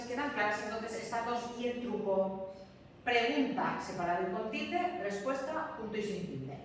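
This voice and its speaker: Woman teacher, echoey classroom. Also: fairly high pitch. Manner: repeats key rules, checks understanding with frequent "¿m?". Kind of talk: classroom grammar lesson. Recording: echoey classroom from far off, faint room noise.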